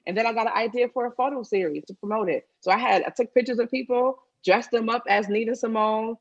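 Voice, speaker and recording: A woman guest on a podcast, telling lively, spiritual stories in casual chat. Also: on the high side, fast talker, no echo, muffled recording. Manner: animated storytelling, spiritual testimony. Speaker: guest singer.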